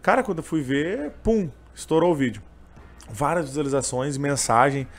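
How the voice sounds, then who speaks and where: A man's voice: on the high side, animated, normal speed. A young man with a gaúcho Portuguese accent telling his story in a casual interview, rambling and emotional, full of fillers. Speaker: interviewee, train vendor and singer.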